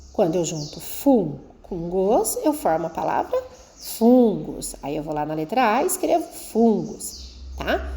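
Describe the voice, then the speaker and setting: A mellow-voiced woman leads a recorded science lesson for children. She moves through the exercises patiently, one step at a time, and keeps checking in with her pupils as she goes. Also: medium pitch. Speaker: schoolteacher.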